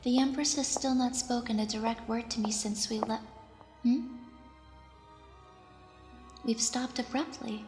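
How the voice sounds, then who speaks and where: A woman's voice: on the high side, steady tone, a little slow, long pauses, darkish tone, lightly acted. A woman playing an anxious, deferential young squire, hesitant and stammering, narrating her own thoughts in an audio drama. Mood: uneasy wonder. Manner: hesitant, stammering when addressed. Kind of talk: scripted first-person dramatic narration. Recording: roomy, reverberant, music behind.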